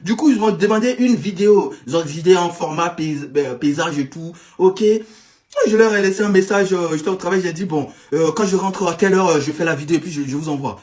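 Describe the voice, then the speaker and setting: A man commentating casually for his followers, with a voice sitting a little higher than most men's. He talks in an animated, stop-start way, stumbling over words and circling back to repeat his points. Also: a little fast. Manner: animated, stammering, repeats himself. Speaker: online commentator.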